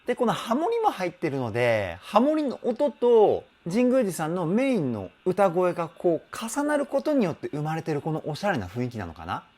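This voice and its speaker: A male vocal coach breaks down a song's vocals, his pitch swooping wildly from low to high as he explains. He is enthusiastic and exclaims often, then turns polite and apologetic in quick asides. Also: wildly swooping pitch, a little mellow. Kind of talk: song reaction and vocal analysis.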